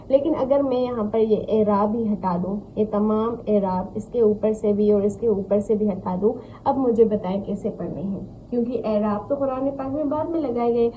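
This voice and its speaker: A woman teaching an Arabic grammar lesson, patiently repeating key words slowly and asking her students questions. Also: on the high side, phone-quality sound, slight background noise.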